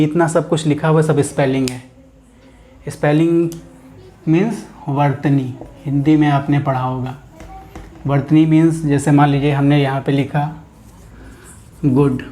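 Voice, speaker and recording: A man with a slightly high voice and an Indian accent teaches grammar in a classroom style. He explains each term step by step, posing questions and answering them himself. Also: darkish tone. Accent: Indian English.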